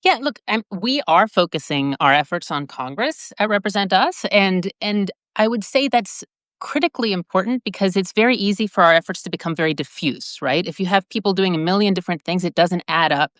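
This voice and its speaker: A woman's voice: medium pitch, lively intonation, a little fast, a bit bright, dry recording, studio quality. A woman from Peru, a democracy advocate, speaking earnestly and urgently as a guest in a political discussion.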